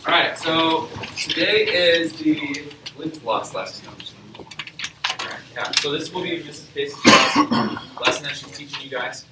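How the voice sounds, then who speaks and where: A man teaching a classroom, talking casually and haltingly with fillers. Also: fairly high pitch, lively intonation. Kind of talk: classroom announcements. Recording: echoey classroom from far off, loud noise.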